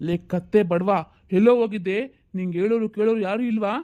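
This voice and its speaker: A man's voice: high voice, steady tone, dark tone, muffled recording, close to an everyday voice. A man playing a stern husband and father who scolds his wife and son in a homemade family drama. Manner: scolding, bossy, rapid-fire. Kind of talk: amateur audio family drama.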